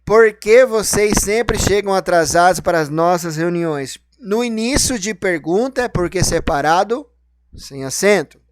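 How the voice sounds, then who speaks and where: Guy teaching grammar, kinda high voice, asks himself questions then answers, dry close sound. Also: expressive, a little slow, no echo. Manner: explanatory, asks and answers his own questions. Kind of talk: grammar lesson.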